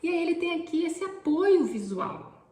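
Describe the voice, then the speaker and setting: A woman's voice: very high-pitched, big pitch swings, moderate pace, dark tone, echoey room. A woman teacher, explaining classroom activities step by step and often pointing things out. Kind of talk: instructional explanation.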